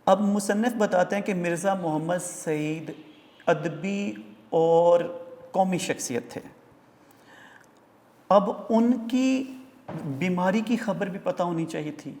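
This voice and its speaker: A male teacher lecturing, who explains word meanings and pronunciation step by step and often pauses on fillers. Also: high-pitched, darkish tone, in a large hall. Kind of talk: classroom lecture explaining an Urdu text.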